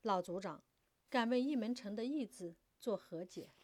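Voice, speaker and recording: A woman voicing a fiery, defiant young daughter who declaims loudly and passionately. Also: mid-range voice, lively intonation, normal speed, lightly acted. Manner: impassioned, loud declaiming.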